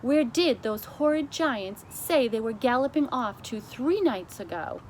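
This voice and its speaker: A woman reader puts on a storybook queen, brisk and imperious. She speaks emphatically and deliberately, unflappable and used to being obeyed, over light background noise. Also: on the high side, lively intonation, voice pushed up. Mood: brisk, resolute.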